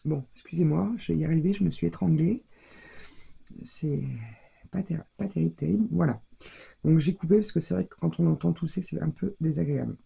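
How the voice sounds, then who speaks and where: Gravelly-voiced woman chatting while crafting. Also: low voice, fairly quick, dark tone, highs cut off. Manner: chatty, thinking aloud while working. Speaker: scrapbooking crafter. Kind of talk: casual crafting commentary.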